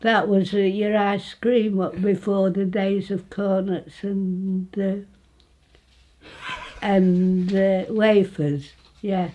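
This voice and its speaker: A woman in her nineties with an East Midlands English accent, reminiscing informally in a halting way, with phrases that trail off. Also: mid-range voice, fairly even intonation, warm tone, rough recording. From Retford, England. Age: 90s. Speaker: interviewee recalling her life.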